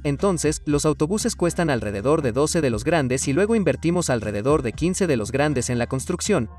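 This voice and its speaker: A man's voice: fairly high pitch, expressive, moderate pace, a little mellow, distant mic, faint music behind. A young man giving an upbeat, casual tour of the converted shuttle bus he lives in.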